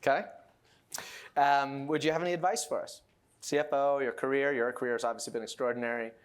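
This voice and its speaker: A man's voice: medium pitch, steady tone, fast, clear, resonant tone. A man moderating a stage chat, asking questions and joking lightly.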